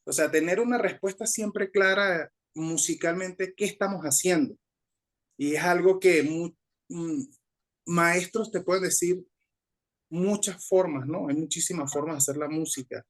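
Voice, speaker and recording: Mexican male musician, interview guest, slightly high voice, searching and reflective delivery with many restarts. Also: a little slow. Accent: Mexican Spanish. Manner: thoughtful, hesitant, with frequent restarts and tag questions. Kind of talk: conversational interview answer.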